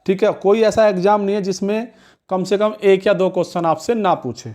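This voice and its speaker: A man's voice: sits high, fairly even intonation, moderate pace, darkish tone. A man teaching an exam-prep math lesson, often asking the class a question and then answering it himself. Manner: repeats questions back to the students; checks understanding with "ठीक है" and "समझ में आया".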